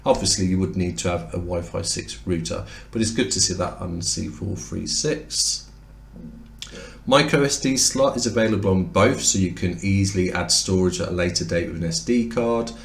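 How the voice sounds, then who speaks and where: A man whose voice is giving out compares two laptops in a casual review, explaining as he goes and sometimes correcting himself mid-word. His voice is low and creaky at a normal speed, and the room sounds roomy and echoey.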